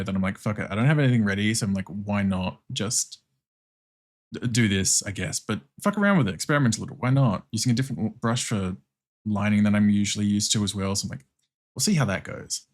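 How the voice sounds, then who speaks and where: An Australian man with a slightly low voice hosts a relaxed art livestream. He talks casually and welcomingly to viewers, with a giggly, sweary streak. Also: quick pace. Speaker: streamer and artist. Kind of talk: casual livestream chat while drawing.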